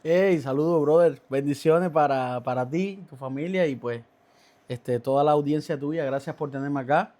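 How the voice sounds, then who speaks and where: A man from Cuba tells his faith story as a guest on a podcast interview, giving testimony in a halting way with many restarts and fillers. His voice is a little high with a dark tone.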